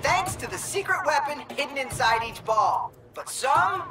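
A man's voice: very high-pitched, lively intonation, normal speed. An actor playing a smug, gleefully cruel male reality show host in a cartoon, announcing with showy sarcasm. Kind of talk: cartoon voice acting. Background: loud music.

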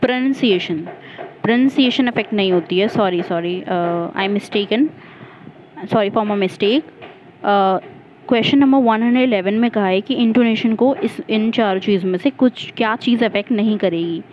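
A woman teacher talks through exam answers one by one, explaining each term patiently and pausing to fix her own mistakes. Her pitch sits in the middle of the usual range. The recording sounds dull and lo-fi, with faint noise behind her. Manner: explains step by step, mixing Hindi and English terms, corrects own slips. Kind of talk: exam-prep lesson.

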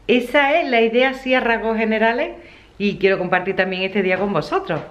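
A woman's voice: mid-range voice, lively intonation, a little fast, lo-fi sound, a little hiss or hum. A woman, chatting casually in her vlog, laughing often and acting out what others said. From Spain. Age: 50s. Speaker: vlogger.

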